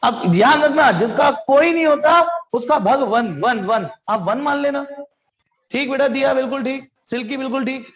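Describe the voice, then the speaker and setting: A man's voice: extremely high pitch, normal speed, fairly bright tone, poor audio. A man teaching physics in a live online class, quizzing his students, calling them child and adding playful sound effects.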